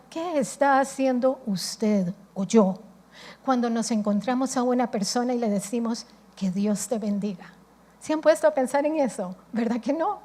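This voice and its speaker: A woman's voice: high voice, a little mellow. A woman from Costa Rica with a Costa Rican accent, preaching a sermon with emphatic repetition. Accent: Costa Rican Spanish. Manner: emphatic, repeats phrases for effect.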